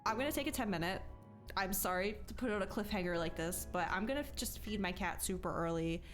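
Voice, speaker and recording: A young woman streamer chatting casually while she plays a video game, excitable and talkative, breaking into squealing disbelief. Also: medium pitch, quick pace, soft background music. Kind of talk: casual live-stream commentary.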